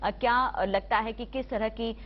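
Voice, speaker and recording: A woman's voice: on the high side, fairly even intonation, a little slow. A woman moderating a televised debate, posing questions with frequent hesitations. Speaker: debate anchor. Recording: dull broadcast audio with faint noise.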